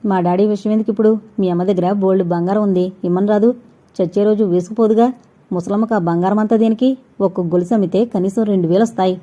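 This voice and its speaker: A woman's voice: medium pitch, fairly even intonation, fast, mellow, close to an everyday voice. A woman reading the lines of a spoiled young wife who demands money and hurls insults. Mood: demanding.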